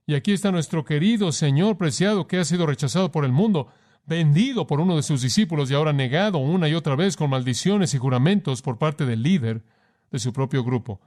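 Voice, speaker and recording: A man's voice: a little high, darkish tone. A man delivering a sermon as a preacher, speaking emphatically and putting rhetorical questions straight to his listeners. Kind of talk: sermon, voiced in Spanish.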